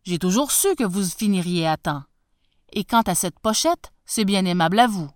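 Prince Igor, a woman playing a jovial, booming prince. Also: expressive, moderate pace, no echo, close to an everyday voice. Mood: pleased. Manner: booming, laughing. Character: hearty, jovial male prince.

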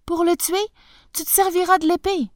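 A woman doing a soft, pleading young princess. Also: very high voice, steady tone, normal speed, dry recording, studio quality, voice pushed up. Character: tender young princess, urgent and devoted.

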